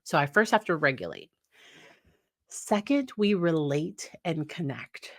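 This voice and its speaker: An American licensed psychologist hosts a casual educational talk to camera in a deep voice with lively intonation, speaking a little slowly. She's conversational, laughs warmly, and acts out quoted dialogue in a higher voice. The sound is studio quality, with no echo.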